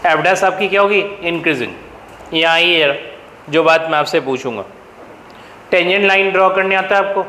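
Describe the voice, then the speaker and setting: A man's voice: a little high, normal speed, long pauses, pushed and bright, roomy sound, big-room sound, slight background noise, rough recording. A man teaching a math class, firing questions at his students and answering them himself, with an Indian accent. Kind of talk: classroom lecture.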